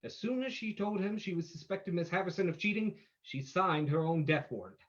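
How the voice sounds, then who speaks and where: A man's voice: high-pitched, lively intonation, a little fast. Guy doing a suave menacing radio detective hero, dramatic and theatrical, kinda muffled lo-fi sound. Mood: sombre. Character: the Shadow, suave, menacing male vigilante detective. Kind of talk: old-time radio drama acting.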